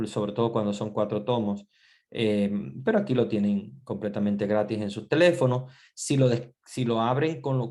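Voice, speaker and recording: A middle-aged man, a priest, giving an online Bible class in a relaxed, conversational way, with many fillers and restarts. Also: lowish voice. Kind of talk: online class lecture with screen sharing.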